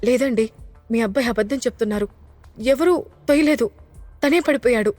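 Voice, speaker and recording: A woman's voice: fairly high pitch, fairly quick, darkish tone, no echo, soft background music, lightly acted. A woman voicing a defensive, arrogant female schoolteacher in an audio drama. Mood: flustered. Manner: flustered then haughty.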